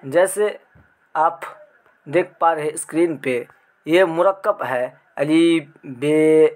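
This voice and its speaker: A man with a fairly high voice and an Indian Urdu accent teaches an exam prep grammar lesson. He explains each point step by step. He recites the letters one at a time and asks his class questions as he goes.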